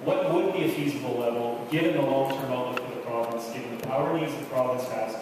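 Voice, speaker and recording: A man, an official, answering questions at a public meeting in a measured, explanatory way. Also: mid-range voice. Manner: measured, repeats phrases while explaining. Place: large wooden community hall, indoors. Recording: echoey hall, distant mic, noisy.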